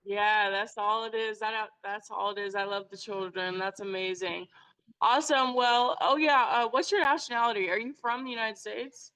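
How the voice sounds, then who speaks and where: Bubbly woman host with a bright, crisp voice. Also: medium pitch, fairly even intonation, normal speed, low-quality recording. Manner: bubbly, effusive, chatty with many fillers. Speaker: podcast host. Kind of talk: casual podcast interview.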